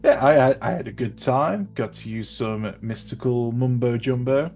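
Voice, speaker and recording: A man's voice: medium pitch, normal speed, vocal fry, a little mellow, soft background music. A man tabletop player chatting casually in an easygoing, chuckly manner. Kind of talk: casual chat.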